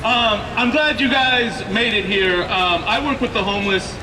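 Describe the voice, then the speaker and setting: A man's voice: high-pitched, moderate pace, noisy background. A man giving a rousing union rally speech, exhorting the crowd with repeated phrases and calls for a response. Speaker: rally speaker. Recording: roomy outdoor sound, distant mic, crowd.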